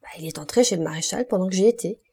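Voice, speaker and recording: A woman's voice: fairly low pitch, very fast, creaky, warm tone, breathy edge. Woman reading a polite young sailor. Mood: earnest. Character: young male ship's mate, polite, eager. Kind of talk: audiobook reading.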